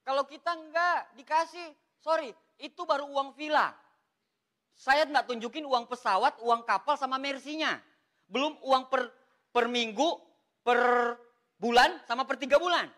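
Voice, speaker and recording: Man, motivational speaker, bright tone, animated, joking. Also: very high-pitched, normal speed. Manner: animated, joking, addresses listeners as "Pak". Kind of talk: motivational talk to an audience.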